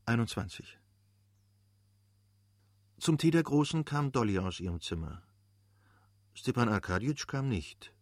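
A man reading a classic novel aloud as an audiobook narrator, measured and steady. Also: medium pitch, no room sound, studio quality. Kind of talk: scripted literary narration.

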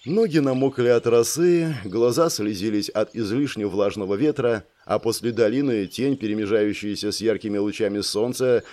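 A man's voice: lowish voice, mellow. A man narrating an audiobook in the first person, with a wry, ironic manner.

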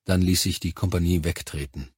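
Low husky guy reading an audiobook in first person, calm and measured, dry close sound. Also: no echo. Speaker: audiobook narrator. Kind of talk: scripted first-person narration.

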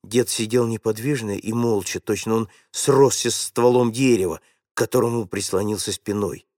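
A man narrating a classic story in a measured, dramatic way. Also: on the low side, fairly even intonation, a little mellow, no room sound, studio quality. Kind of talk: audiobook reading of a classic story.

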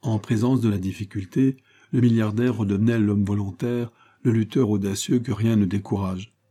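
Narrating a classic novel for an audiobook, a man with a fairly low voice reads at a moderate pace. His storytelling stays even, rising in pitch whenever he voices quoted speech.

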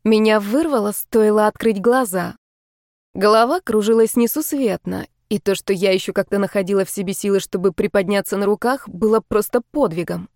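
A woman narrating a first-person fantasy audiobook in an even, steady reading voice. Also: medium pitch, a little fast, dry recording, clean studio sound.

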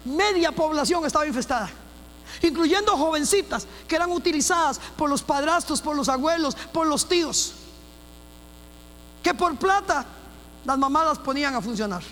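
A woman's voice: high-pitched, lively intonation, normal speed, fairly bright tone. A woman pastor giving a personal testimony in a church, telling her story emphatically with repeated phrases and restarts. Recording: long hall reverb with faint mains hum.

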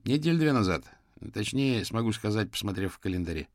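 A man voicing a cheerful, brash male private investigator in an audiobook, breezy and quick to snap back. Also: lowish voice, animated, dry recording, clean studio sound.

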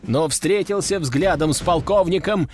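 A man's voice: fairly high pitch, unhurried, darkish tone, faint music behind. A man narrating an audiobook.

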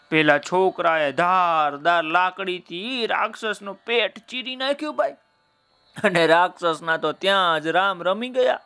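A man's voice: on the high side, sharp tone, clear, resonant tone, no echo. A man telling a children's story in a playful way, speaking directly to his young listeners.

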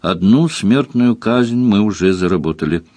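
A soft-spoken, thoughtful male companion, read by a man in an audiobook. He keeps his lines quiet and measured, in a low voice. The recording is dry and close. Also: animated, no room sound, close to an everyday voice. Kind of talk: audiobook character voice.

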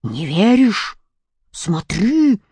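A woman voicing a grumpy polar bear in a storybook, bellowing loudly. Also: medium pitch, big pitch swings, drawn-out words, breathy edge, dry recording, full character voice. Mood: roaring. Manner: loud, bellowing.

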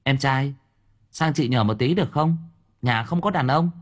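A man's voice: medium pitch, moderate pace, pitched above the performer's own voice, lightly acted. A man doing a coy, teasing young woman.

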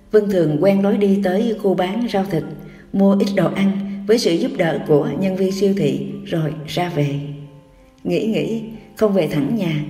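Nữ người dẫn truyện tình cảm, giọng mềm và tối, đọc thong thả. Micro đặt hơi xa, tiếng vang kéo dài. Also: female voice, lowish voice, dark tone. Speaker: audiobook narrator. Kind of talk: scripted romance narration. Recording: roomy echo, distant mic, music.

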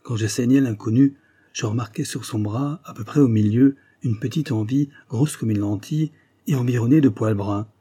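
A man's voice: mid-range voice, normal speed, dark tone, husky, natural voice. A man reading aloud and voicing a shaken male army surgeon who tells a story with urgent, fearful emphasis. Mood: telling.

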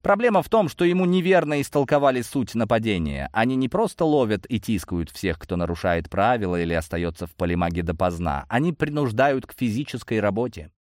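A man's voice: lowish voice, sing-song, fairly quick, hardly any pauses, darkish tone, no echo, clean studio sound. A man narrating a first-person audiobook.

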